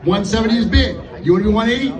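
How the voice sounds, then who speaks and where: A man's voice: high-pitched, very fast, a crowd in the background. A man working as an auctioneer, calling bids in a chant of repeated numbers and filler syllables. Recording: echoey, distant mic with music behind.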